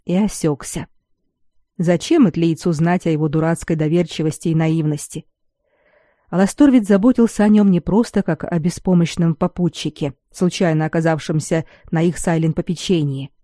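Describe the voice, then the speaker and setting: A narrator reading a fantasy novel as an audiobook in a measured, even way. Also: medium pitch, dry recording, studio quality.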